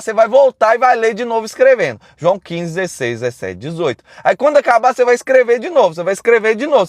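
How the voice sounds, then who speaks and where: A man preaches on a live stream in a loud, blunt way, talking straight to his viewers. His voice sits high. The sound is close and dry, with no room echo.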